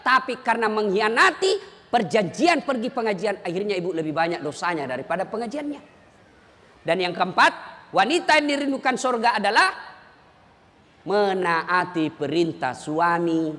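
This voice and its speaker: A man preaching a humorous sermon to a live audience, teasing and often shouting his punchlines. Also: high voice, expressive, normal speed. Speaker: Islamic preacher. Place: large event hall. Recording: long hall reverb at live event.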